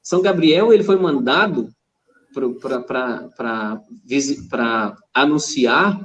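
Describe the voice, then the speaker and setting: A man with a Brazilian Portuguese accent, a religious brother appearing as a podcast guest, tells stories in a slow, mid-range, fairly bright voice with reverberation. It's conversational testimony in which he acts out quoted dialogue and keeps tacking on "né?".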